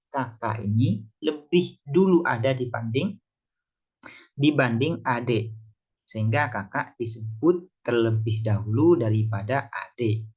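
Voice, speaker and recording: A man with an ordinary mid-range voice gives a religious text lesson. He works through the text phrase by phrase, turning each Arabic line into plain speech and posing his own questions before answering them. The recording sounds a little dull and lo-fi. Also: mid-range voice. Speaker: religious teacher. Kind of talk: kitab study lesson, translating Arabic text.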